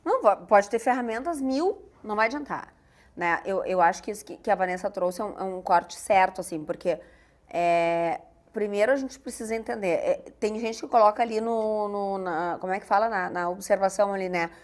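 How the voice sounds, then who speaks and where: A woman hosting a casual podcast chat, animated and playful. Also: medium pitch, brisk. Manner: animated, playful, self-mocking. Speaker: host.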